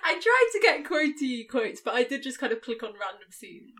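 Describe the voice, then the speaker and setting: A woman taking turns in a casual quiz with a friend, friendly and quick to laugh. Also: sits high, big pitch swings, fairly bright tone. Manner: friendly, giggly. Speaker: quiz player.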